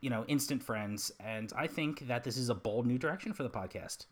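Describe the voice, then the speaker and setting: A man co-hosting a podcast in casual chat, playful with deadpan jokes, recorded in an apartment. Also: mid-range voice, fairly quick, heavy background noise. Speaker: podcast co-host. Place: apartment with dimmed lights.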